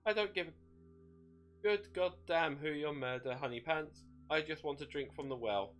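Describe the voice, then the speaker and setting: Give it a cackling, bloodthirsty demon acted out by a man, pitched well above a plain voice. It wheedles and mocks in folksy slang, like a storybook villain, with music playing behind. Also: normal speed, a bit bright, lightly acted. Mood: wheedling, gleeful. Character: gleeful bloodthirsty male demon shade possessing a woman. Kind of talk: dramatic storytelling character voice.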